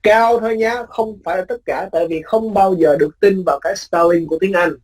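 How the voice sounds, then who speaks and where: A man teaching a recorded phonetics lecture, his voice a little husky and pitched somewhat high for a man. He explains patiently and repeats the main points, slowing right down to stretch out each example word. The tone stays steady and instructive. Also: low-quality recording. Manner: explains patiently, drawing out example words slowly; repeats points for emphasis with tag words.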